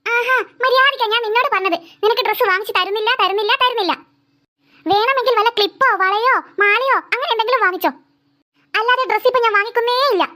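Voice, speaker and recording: Speaking with an extremely high pitch, this cartoon mother talks fast in a bright, forceful tone. She is a stern character, performed by a voice actor, who scolds and nags her daughter and refuses to buy anything during a trip.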